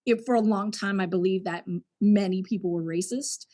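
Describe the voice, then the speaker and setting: A woman's voice: medium pitch, fairly quick, dark tone. A woman from Canada, a guest on a podcast who works in education, telling her own story in a frank, reflective way with an occasional laugh. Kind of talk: candid personal storytelling.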